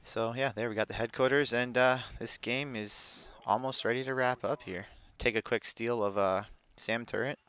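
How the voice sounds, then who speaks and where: A man's voice: medium pitch, steady tone, normal speed, a bit bright, clear, resonant tone. A young man giving casual, rambling commentary over his own gameplay footage, full of fillers. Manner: laid-back, rambling, frequent fillers.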